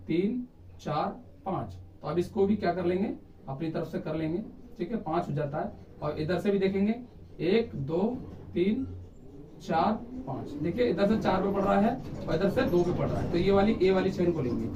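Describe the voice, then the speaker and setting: High-voiced man teaching at a board. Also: dark tone. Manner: repeats checks like "clear?" and "theek hai", counting carbons aloud. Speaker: chemistry teacher. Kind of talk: board lesson. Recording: roomy, distant, dull lo-fi sound.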